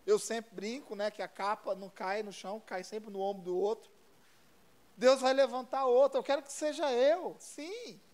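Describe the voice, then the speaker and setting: A Brazilian pastor with a notably high voice preaches a sermon to his church. He speaks conversationally and repeats phrases for emphasis. His folksy asides keep the sermon informal. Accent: Brazilian Portuguese. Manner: conversational, repetitive, folksy storytelling. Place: church service.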